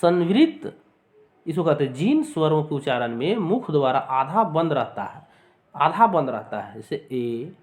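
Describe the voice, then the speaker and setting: A man's voice: on the high side, sing-song, normal speed. A man teaching an exam-prep lesson, repeating points, calling his viewers friends and sounding out vowels for them to copy. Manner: repetitive, addresses viewers as friends, demonstrates sounds aloud.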